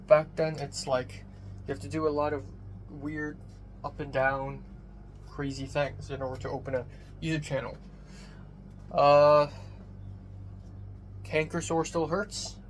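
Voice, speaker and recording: A young man rambling through a casual personal vlog, swearing casually, his voice thin with no bass on a phone microphone. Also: fairly even intonation, moderate pace, pauses often. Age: young adult. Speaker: vlogger. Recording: thin bassless phone mic, background noise.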